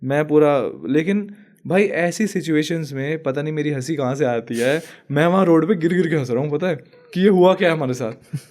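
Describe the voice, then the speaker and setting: A young man telling a story in casual chat, animated and laughing often. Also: on the high side, moderate pace. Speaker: podcast guest.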